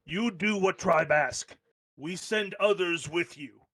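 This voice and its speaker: A terse old frost giant elder hobbles forward on his cane, as a man puts him on for a tabletop game. His voice sits a little higher than plain talk and comes out slow and halting in broken words, recorded dry with no room echo. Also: gravelly, husky, exaggerated voice. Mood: stern.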